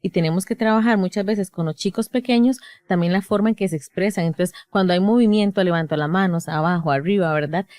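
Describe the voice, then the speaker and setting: Costa Rican woman, 30s, speech therapist on a podcast, animated, acts out quotes, dry close sound. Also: fairly low pitch, fairly quick, few pauses, no echo. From Costa Rica. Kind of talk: casual podcast conversation.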